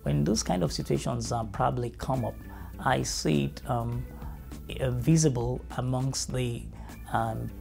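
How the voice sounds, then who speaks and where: Gravelly Nigerian man, earnest. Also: mid-range voice, a little mellow, faint music behind. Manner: measured, earnest, thoughtful with fillers. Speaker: family educator. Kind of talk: interview answers. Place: studio with dark backdrop.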